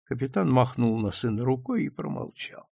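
Male narrator, gravelly, dry close sound, lively intonation, measured classic-novel read. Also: medium pitch, no echo. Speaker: audiobook narrator.

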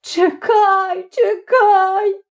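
Sanda, a young village woman crying out in shrill, tearful protest, her voice climbing far above a normal speaking pitch, as a woman narrator puts her on. The outcries are loud and strained, read at an unhurried pace within an audiobook telling. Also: fairly even intonation, gravelly, full character voice. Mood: sobbing. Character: young peasant woman, wronged, sobbing. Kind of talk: audiobook character voice.

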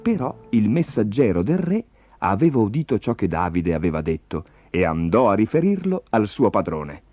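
A man narrating a story in an expressive, animated storybook style. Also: lowish voice, normal speed, no echo. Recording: dull lo-fi recording with music. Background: music.

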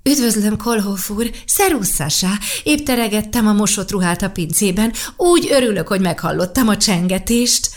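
A woman voicing a cheerful, welcoming older lady in an audiobook, with a lifted, bright voice. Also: medium pitch, expressive, few pauses, pitched above the performer's own voice, close to an everyday voice.

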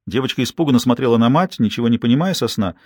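A man in his sixties reading a tense novel aloud at a steady pace, slowing on dramatic details. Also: medium pitch, no room sound, studio quality. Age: 60s. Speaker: audiobook narrator. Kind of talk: scripted narration.

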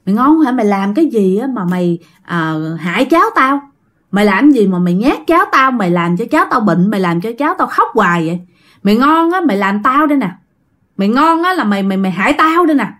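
A woman playing a drunk father raging at an unseen spirit, his lines rising higher and hurled out fast in a spoken ghost story. Each jab comes as a sharp, scolding shout. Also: big pitch swings. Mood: furious scolding.

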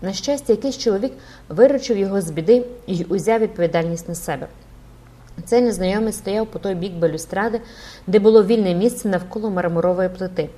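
A woman reading a classic novel aloud in a measured, expressive audiobook narration. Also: mid-range voice.

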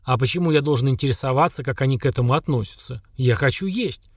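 A man voicing an ancient, simple-minded lake monster, speaking in slow, blunt, flat statements. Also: medium pitch, no room sound, studio quality, lightly acted. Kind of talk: audiobook character voice.

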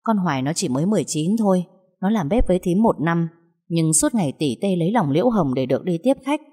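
A woman's voice: on the low side, animated, fast talker, mellow, breathy edge. Woman as a protective, motherly old kitchen aunt. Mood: firm. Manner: soothing, then firm and scolding. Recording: long hall reverb.

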